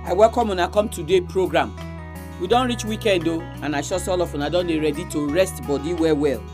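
A woman's voice: fairly low pitch, a little fast, over music. A woman with a Nigerian Pidgin accent hosting a religious radio programme for women, speaking directly to her listeners.

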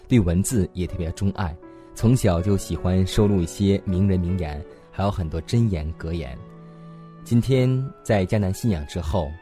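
Man, very low voice, mellow tone, gospel radio host, calm measured reading, soft music underneath. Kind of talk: scripted devotional reading. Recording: faint music behind the voice. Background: soft background music.

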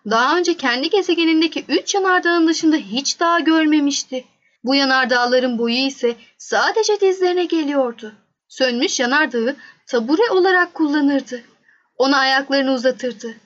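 A woman narrating a children's storybook in a gentle, measured way. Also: high-pitched, muffled recording.

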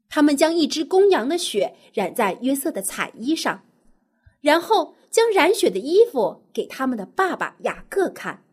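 A woman storyteller narrating a Bible story for small children, expressive and simple in her explanations. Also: high voice.

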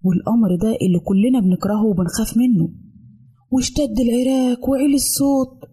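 A woman with an Egyptian accent telling a children's story on a radio program, lively and acting out the characters. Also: fairly high pitch, quick pace, breathy edge. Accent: Egyptian Arabic.

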